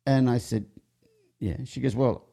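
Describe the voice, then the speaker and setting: This man's mid-range, warm voice has vocal fry, a steady tone and an unhurried pace. As a horse trainer hosting a show, he shares rambling, funny anecdotes about training horses in casual conversation, frequently interrupting himself and restarting his sentences.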